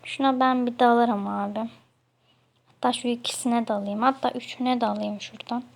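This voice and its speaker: A woman's voice: on the high side, fairly even intonation, normal speed, gravelly. A young woman from Turkey chatting casually while playing a game, scolding other players with mock annoyance. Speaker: gamer. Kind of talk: casual gameplay commentary.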